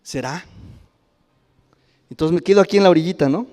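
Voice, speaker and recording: A man with a Mexican Spanish accent preaching a sermon as a pastor, chatty and animated, throwing out many rhetorical questions. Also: high voice, moderate pace. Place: church hall. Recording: long church hall reverb.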